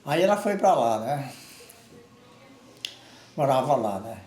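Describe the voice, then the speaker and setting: A man's voice: mid-range voice, very animated, takes it slowly, darkish tone. An older man with an Amazonian Brazilian accent tells stories informally, rambling and repeating words, often tagging phrases with a short question. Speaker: storyteller. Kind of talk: informal oral storytelling. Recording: echoey room.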